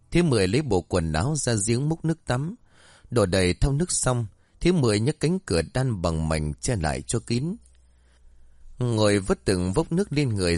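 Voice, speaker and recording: Expressive male ghost story narrator. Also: fairly low pitch, no room sound.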